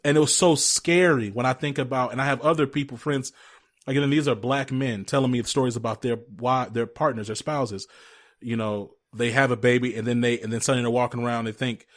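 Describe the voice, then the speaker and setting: A man hosting a podcast interview, telling a personal story in a casual, animated, chatty way full of restarts. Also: mid-range voice, brisk. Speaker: podcast host.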